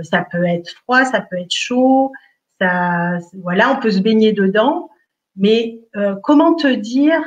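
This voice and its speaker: A middle-aged Italian woman, acting as a spiritual healer in an online workshop, speaks slowly and hesitantly with many fillers. Her voice is medium-pitched and the sound is lo-fi.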